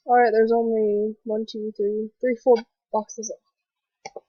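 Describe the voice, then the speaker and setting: A young woman with a stuffy cold voice hosting a casual gaming commentary vlog, rambling excitedly with lots of fillers. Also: a little high, slow, husky, dry recording. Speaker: gaming video host. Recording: dull lo-fi voice recording.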